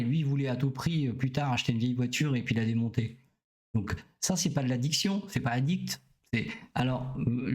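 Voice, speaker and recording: A man's voice: medium pitch, a little mellow. Hesitant middle-aged man, casual explainer. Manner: hesitant, many "euh" fillers, often checks in with listeners. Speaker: doctor streaming to viewers. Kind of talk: casual explanatory talk to a live audience.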